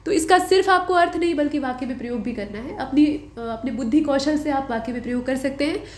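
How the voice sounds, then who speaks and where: A woman's voice: sits high, quick pace, darkish tone. A young adult woman teacher walking through exam answers in a patient lesson, repeating key points. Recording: roomy echo.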